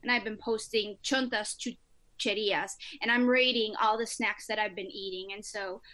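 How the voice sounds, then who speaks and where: A woman's voice: mid-range voice, moderate pace. A woman from northern Mexico, co-hosting a casual chat, talking at length and laughing often. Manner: chatty, laughs often, animated asides. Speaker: co-host.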